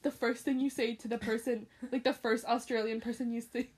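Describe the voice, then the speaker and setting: A woman's voice: on the high side, level tone, fairly quick, noisy background. A young woman in casual chat with a friend, laughing often as she talks.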